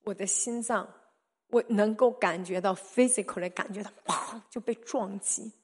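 A woman preaching a sermon, telling stories in an animated, emphatic way with sudden loud peaks. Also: mid-range voice, normal speed, breathy edge.

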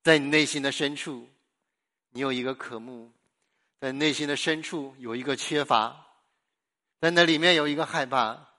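A man preaching a sermon, swinging between loud, emphatic lines and hushed ones, asking the listeners repeated questions. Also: mid-range voice, moderate pace, long pauses. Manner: repetitive rhetorical questions to the listeners. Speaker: pastor.

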